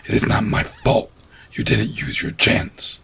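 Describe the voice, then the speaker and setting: A man's voice: a little slow, pushed and bright. A man voicing a towering, rotting male monster like an evil Santa, who speaks coldly and hisses without mercy in a horror story. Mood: thundering. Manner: cold, hissing, unmoved.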